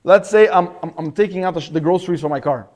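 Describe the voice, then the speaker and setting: A man teaching an informal Torah class in a synagogue, animated and often repeating words as he acts out stories. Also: high voice, fast talker.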